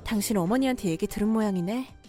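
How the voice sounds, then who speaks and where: A woman's voice: medium pitch, fast talker, warm tone, soft background music, lightly acted. A woman voicing a young married daughter-in-law who stays polite but firmly pushes back, in a cartoon story drama. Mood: indignant.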